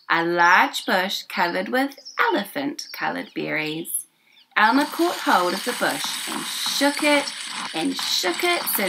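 In a small furnished room indoors, a woman in her twenties reads a children's picture book expressively, pronouncing each word carefully for little ones. Her mid-range, gravelly voice has a sharp edge. The low-quality recording carries slight background noise.

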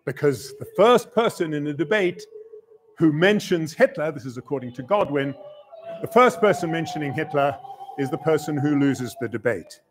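An actor in his sixties playing an anguished, earnest father in a searching, halting theatrical soliloquy with emphatic, broken phrases. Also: on the high side, expressive, a little hiss or hum, close to an everyday voice, low-quality recording. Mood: indignant, recounting. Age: 60s. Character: anguished older male father, earnest defender of the law. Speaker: actor performing a dramatic monologue. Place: indoor room, stage rehearsal.

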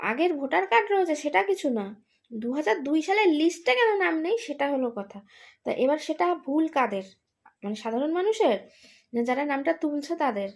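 A woman's voice: sits high, vocal fry. A woman, tired, rambling through an exasperated casual vlog monologue with many fillers. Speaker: vlogger, daughter caring for her ill father.

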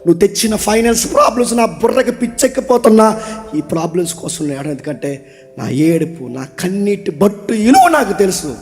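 A man preaching a sermon with passion, swinging between loud shouted lines and hushed low ones. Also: animated, fairly quick, in a large hall, soft background music. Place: church or seminar hall.

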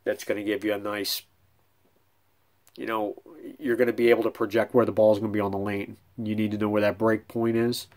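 A man's voice: on the low side, level tone, brisk, darkish tone. Middle-aged man coaching casually at home. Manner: conversational, many restarts and ums, demonstrating with hands. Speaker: bowling coach. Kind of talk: casual instructional vlog. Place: small room at home, indoors.

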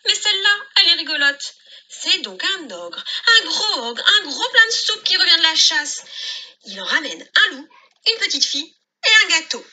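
A woman reading a children's story aloud in a playful, expressive way. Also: very high-pitched, normal speed.

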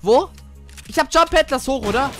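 Man, excitable gaming commentary, faint music behind. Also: very high voice, normal speed. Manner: excitable, swears casually, talks to teammate while playing. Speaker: gamer.

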